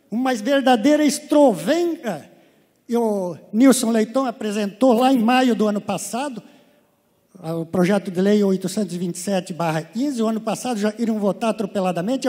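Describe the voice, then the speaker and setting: A fairly high-pitched man with a dark, husky voice speaks indignantly as a farmer on a seminar panel. His handheld mic carries the long reverb of a large auditorium. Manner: indignant, complaining. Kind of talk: seminar talk.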